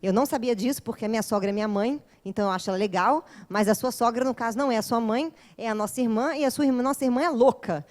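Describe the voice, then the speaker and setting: A woman's voice: fairly high pitch, fast, hardly any pauses, darkish tone, natural voice. A woman voicing an easygoing male god who talks to his brother in casual, chummy street slang.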